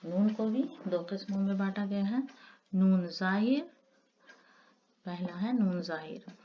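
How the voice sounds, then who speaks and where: In an unhurried, mid-range voice, a female teacher walks through Urdu grammar step by step, stretching out her example words. Faint noise runs under the dull, lo-fi recording.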